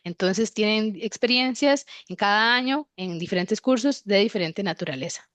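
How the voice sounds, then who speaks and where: A woman's voice: mid-range voice, moderate pace, fairly bright tone, no room sound. Woman workshop presenter, patient explainer, dry close recording. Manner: explanatory, says "¿verdad?" often. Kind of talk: workshop discussion.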